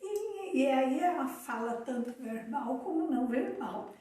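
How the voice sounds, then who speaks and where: A Brazilian woman with a high yet mellow voice reflects calmly and tells a little story in a live chat. She is far from the mic in a strongly echoing room. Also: measured pace. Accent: Brazilian Portuguese. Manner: calm, reflective, tells anecdotes. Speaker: co-host of a live talk on emotional awareness.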